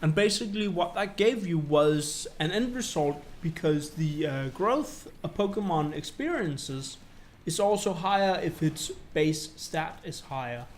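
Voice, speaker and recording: A man with a fairly high voice explains things patiently in a casual podcast chat, now and then restarting his words. A faint noise runs behind him. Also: lively intonation, measured pace. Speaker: podcast co-host.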